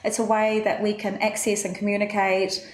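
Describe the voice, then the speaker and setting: A woman's voice: medium pitch, flat delivery, moderate pace. A woman, a guest in a studio interview, speaking hesitantly with many fillers. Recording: echoey studio, faint noise.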